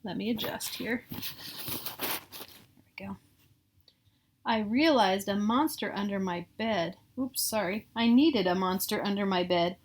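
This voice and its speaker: Reading a storybook in a small room at home, a middle-aged woman with an American accent breaks off for offhand comments now and then. She speaks at medium pitch and an easy pace with long pauses, over slight background noise.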